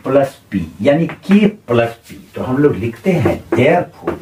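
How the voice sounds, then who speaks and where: A man teaching a geometry lesson in speech, explaining slowly and repeating terms as he points and writes. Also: mid-range voice, sing-song. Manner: slow, repeats terms while pointing and writing. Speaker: maths tutor. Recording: roomy, slightly distant mic with faint noise.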